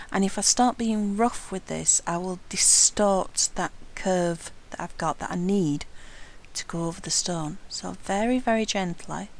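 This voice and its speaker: Gravelly-voiced woman teaching a craft. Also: mid-range voice, rough recording. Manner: calm, careful, talks while working with hands. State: has hiccups. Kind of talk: hands-on craft tutorial narration.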